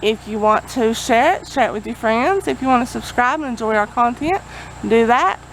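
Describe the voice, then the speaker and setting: A woman's voice: a little high, expressive, moderate pace, poor audio. Folksy woman rambling outdoors. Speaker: vlogger. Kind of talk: casual vlog update. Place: outdoors near a road. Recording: outdoor generator and road noise. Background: generator and passing vehicles.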